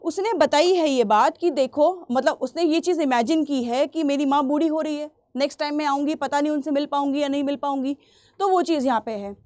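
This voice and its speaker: A woman teacher runs an exam revision lesson in a fairly high voice. She reads English lines slowly, then explains them and repeats the key points for her students. The sound is dry and close, with no room echo. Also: darkish tone. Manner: clears throat now and then.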